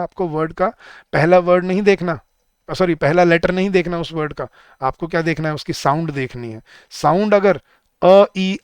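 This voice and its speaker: A young man teaching grammar in a live online class, asking his students many questions and reading example sentences slowly. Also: fairly high pitch, smooth, no room sound, clean studio sound. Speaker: English teacher for bank exams.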